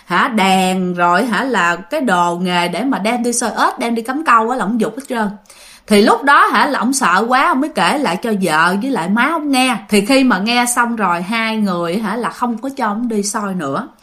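Speaking at a moderate pace, this Southern Vietnamese woman spins a ghost story in chatty, filler-heavy style, addressing her audience directly. Her voice sits on the high side, animated and fairly bright.

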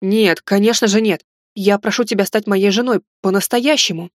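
A woman voicing a tender, nervous young man in an audiobook, earnest and gentle. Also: mid-range voice, normal speed, no echo, clean studio sound, natural voice. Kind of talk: audiobook character reading.

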